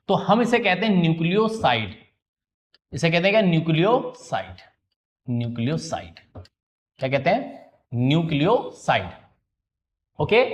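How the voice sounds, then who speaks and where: A man teaching a biology class, asking questions and answering them himself, repeating key terms and checking that students follow. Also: sits high. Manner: calls students "beta", checks they understood. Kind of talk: classroom lecture at a slide board.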